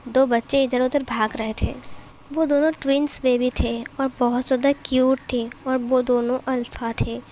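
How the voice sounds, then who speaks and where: A woman with a high, light voice narrates a fan story in a chatty, casual way. Faint hiss runs underneath the voice. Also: little pitch movement, normal speed, darkish tone. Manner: chatty, plainly retelling.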